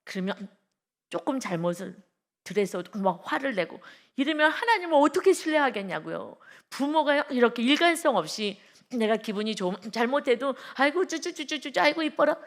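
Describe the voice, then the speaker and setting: A woman's voice: on the high side, sing-song. Emphatic woman preaching a dawn sermon. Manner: emphatic, reads scripture slowly and loudly; vivid sound words and direct questions to the congregation. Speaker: pastor. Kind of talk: early-morning sermon.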